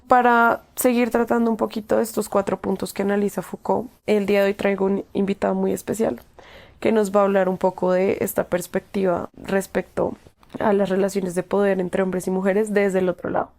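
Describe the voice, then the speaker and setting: Gravelly young woman with a cold. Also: medium pitch, darkish tone. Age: young adult. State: has a cold. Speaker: podcast host, psychology student. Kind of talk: scripted podcast monologue and interview.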